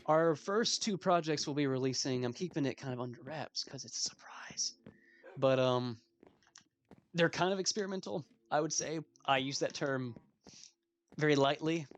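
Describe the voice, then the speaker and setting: A man's voice: on the high side, normal speed, a little hiss or hum. A 21-year-old man giving casual gameplay commentary as a let's play host, rambling with self-mocking asides.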